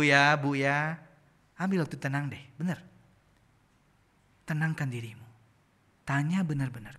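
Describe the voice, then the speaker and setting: A male pastor from Indonesia preaching a sermon in a church, conversational and full of questions to the congregation, rising to loud emphatic peaks and dropping to quiet prayerful tones. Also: fairly high pitch.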